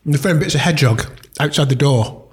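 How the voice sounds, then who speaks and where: A man's voice: on the high side, quick pace, slightly rough. A man guesting on a radio show, rambling and easily distracted, laughing often and chatting while he eats. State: talking while eating. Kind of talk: casual radio chat.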